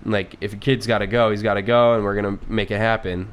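A man's voice: on the low side, level tone, fast talker, clear, resonant tone. A man hosting a casual podcast chat, joking crudely and swearing often, his nose stuffy. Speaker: podcast host.

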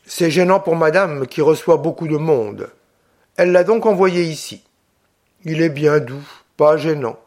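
A man's voice: on the high side, expressive, measured pace, darkish tone. A man voicing a talkative, kindly woman who keeps the farm. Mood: chatty. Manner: talkative, apologetic.

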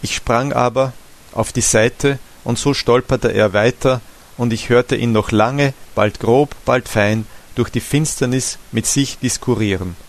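Guy reading an old story out loud, calm steady storytelling. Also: mid-range voice, a little slow. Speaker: audiobook narrator. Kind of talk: scripted narration.

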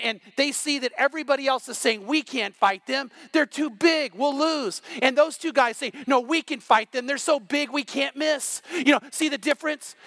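A man preaching a sermon, energetic and emphatic, repeating phrases for punch. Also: very high voice, dry recording. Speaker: pastor.

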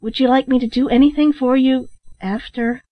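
A woman reads a kind young man calming a dying stranger, his words gentle, earnest and soothing. The recording is muffled and close, with no reverb. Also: high voice, moderate pace, pitched above the performer's own voice, lightly acted.

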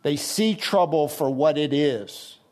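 A man's voice: takes it slowly, a little mellow. A middle-aged man preaching an expository sermon, explaining Greek words and pressing his points with rising intensity. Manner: rises in pitch and intensity when urging. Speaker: pastor.

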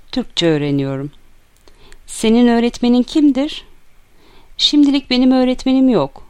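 A woman reading a scripted language-learning text aloud in careful, clearly separated sentences. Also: mid-range voice, darkish tone, dry recording.

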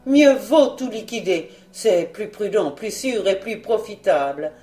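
A woman's voice: medium pitch, lively intonation, measured pace, warm tone, echoey room, natural voice. A woman voicing an elegant, scheming female villain in a storybook reading, speaking in a dry, implacable, ironic way. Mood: icy.

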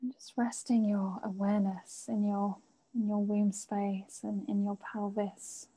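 Female meditation guide, sleep-story narrator feel: soft-toned and mellow, very even pitch, lots of space between phrases. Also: low-quality recording. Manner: gentle, unhurried phrasing with long pauses.

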